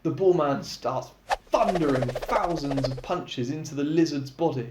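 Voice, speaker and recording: A man's voice: on the high side, measured pace, background noise. Chatty man reading his own story. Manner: casual, chatty, laughs between chapters. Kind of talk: storytelling narration with asides. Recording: echoey room.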